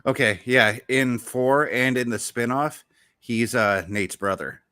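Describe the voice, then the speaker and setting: A man's voice: mid-range voice, a little slow, pushed and bright, smooth, dry recording, clean studio sound. A man hosting a casual podcast chat about video games, talking enthusiastically and rambling, often backtracking mid-sentence. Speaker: show host.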